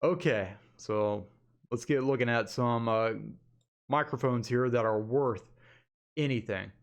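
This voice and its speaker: Speaking a little slowly in a mid-range voice, the host of an online channel talks straight to his audience in a relaxed webcam update. He's in an indoor home office using a desktop USB condenser mic, and he repeatedly addresses viewers as "guys" in an informal way.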